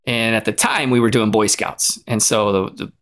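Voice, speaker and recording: A man's voice: on the low side, steady tone, normal speed, fairly bright tone. A man co-hosting a podcast, telling a long casual story with frequent restarts and asides. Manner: rambling storyteller with many restarts and fillers. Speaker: podcast co-host. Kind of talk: casual chat.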